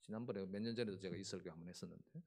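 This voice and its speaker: A male pastor delivering a Sunday sermon, telling the story with acted voices and animated delivery. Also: sits low, very fast, gravelly.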